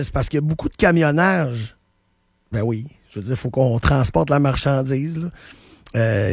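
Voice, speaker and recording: A man's voice: a little high, darkish tone, no echo, studio quality. A man with a Quebec French accent, hosting a radio show and commenting on traffic news in a casual, opinionated way with lots of fillers and restarts. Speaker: radio host.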